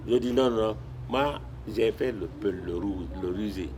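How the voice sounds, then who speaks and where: A man's voice: on the low side, measured pace, darkish tone, a little hiss or hum. An older man from Guinea, a retired sports administrator telling stories in an interview, with frequent restarts and repetitions. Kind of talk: storytelling in a sit-down interview.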